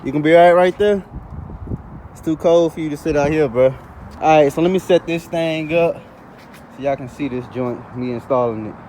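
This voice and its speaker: A man's voice: fairly high pitch, normal speed, darkish tone, a little hiss or hum. A man casually chatting in slang while working on his car outdoors, filmed on a phone camera. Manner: laid-back, slangy, chatty. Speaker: car vlogger. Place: outdoors beside a car in the cold.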